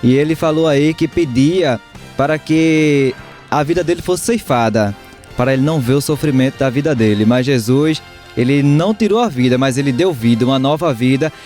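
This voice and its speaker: A man's voice: a little high, normal speed, a little mellow, faint music behind. A man from northeastern Brazil hosting a religious TV program, speaking in a preacher-like manner with frequent hallelujahs. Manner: preacher-like, interjects "aleluia". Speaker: TV program host. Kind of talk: religious TV interview.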